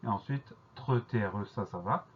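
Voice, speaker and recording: A man teaching a French spelling lesson, spelling words slowly and carefully letter by letter. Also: lowish voice, slightly rough. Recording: dull lo-fi recording.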